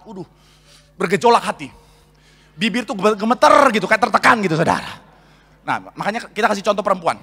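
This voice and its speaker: A male pastor preaching a sermon in a large church, lively and joking as he calls out to the congregation. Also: sits high. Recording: long church-hall reverb.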